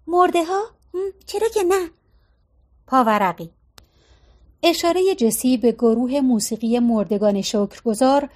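A woman reading a novel aloud in a steady, measured way as audiobook narrator. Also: on the high side. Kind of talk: storytelling narration.

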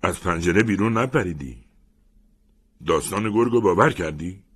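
Brief: man reading as a gruff old commander, husky, low, slow mocking taunts, storybook. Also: animated, fairly bright tone, exaggerated voice. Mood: wry. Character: teasing gruff older male commander.

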